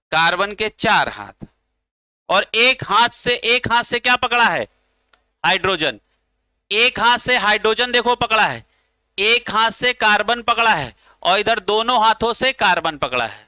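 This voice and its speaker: A man with a north Indian accent lectures on chemistry in a high, smooth, resonant voice. He speaks slowly and quizzes his students, then answers his own questions. The recording is dry and a little dull. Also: animated, no room sound. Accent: Hindi from north India. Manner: asks students questions and answers them himself; calls students beta and bhaiya. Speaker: chemistry teacher. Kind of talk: classroom lecture. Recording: slightly dull, dry sound.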